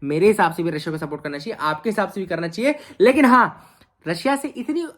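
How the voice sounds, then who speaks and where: A woman's voice: lowish voice, expressive, fast. A woman teaching an explanatory video lesson for exam students in a chatty way, asking rhetorical questions and mixing in English phrases. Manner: mixes English phrases into speech.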